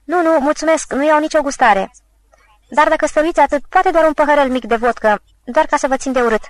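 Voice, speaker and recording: A woman's voice: sits high, dry recording, voice pushed up, lightly acted. A woman voicing a drunken, bombastic old male tragic actor who rants and hurls theatrical insults. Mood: politely boastful.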